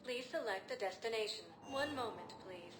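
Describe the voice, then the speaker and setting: A woman voicing a calm female ship computer in a video game, making polite, even announcements. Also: fairly high pitch, moderate pace, noisy background. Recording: echoey game audio with music behind.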